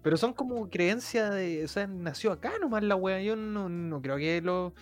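A man's voice: high voice, normal speed, soft background music. A Chilean man with a Chilean accent, co-hosting a casual podcast chat, slangy and sardonic. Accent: Chilean Spanish. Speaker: podcast co-host.

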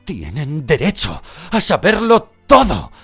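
Man voicing a middle-aged wizard teacher, raised pleading voice, husky, lively. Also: lowish voice, a little slow, soft background music, voice pushed up, full character voice. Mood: urgent. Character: middle-aged wizard teacher, urgent then calmly patient.

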